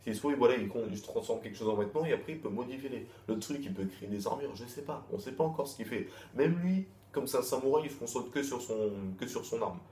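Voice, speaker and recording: A man's voice: medium pitch, fast talker, few pauses, warm tone, echoey room, a little hiss or hum. A young man giving a casual, candid manga review, often repeating words as he thinks.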